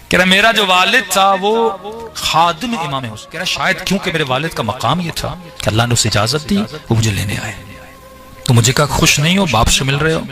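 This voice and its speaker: A man preaching, telling a dramatic story with whispered asides, over background music. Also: fairly high pitch. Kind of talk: storytelling sermon. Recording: music behind the voice.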